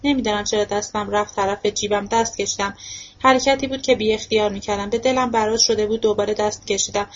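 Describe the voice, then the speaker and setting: A woman reading a novel aloud in steady first-person narration for an audiobook, on a dull lo-fi recording. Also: medium pitch. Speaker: audiobook reader.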